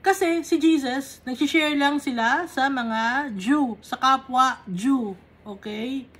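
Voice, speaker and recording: A woman's voice: high voice, slow, a bit bright, breathy edge. A woman teaching a Bible study. She reads verses aloud and then explains them patiently, step by step, checking in with short tag questions. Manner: mixes English Bible reading with Tagalog explanation.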